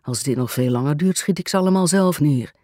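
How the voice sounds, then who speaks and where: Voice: medium pitch, brisk, mellow, no room sound, clean studio sound, close to an everyday voice. A storyteller voicing an impatient man who mutters exasperated remarks.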